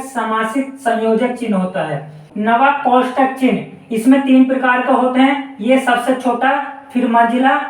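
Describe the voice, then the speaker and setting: A teacher giving a step-by-step grammar lesson for exam preparation. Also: mid-range voice. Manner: explains step by step, pointing to the board. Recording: echoey room, voice far from the mic.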